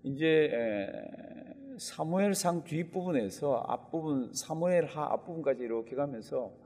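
Male pastor preaching, slightly high husky voice, long church hall echo. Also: measured pace. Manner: animated, acts out quoted lines with sudden loud outbursts. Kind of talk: sermon. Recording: long reverb of a large hall.

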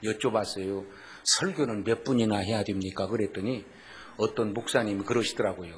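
A middle-aged man preaching a revival sermon in a strong Jeolla accent, folksy and joking, rising to loud exclamations. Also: lowish voice, a little fast, slight background noise. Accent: Jeolla Korean. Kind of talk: sermon with jokes.

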